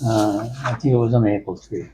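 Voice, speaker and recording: An older man in casual elderly couple banter, speaking haltingly and repeating words with emphatic swings. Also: fairly low pitch, fairly even intonation, warm tone, low-quality recording. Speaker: co-host in a couple's discussion. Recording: noticeable background room noise.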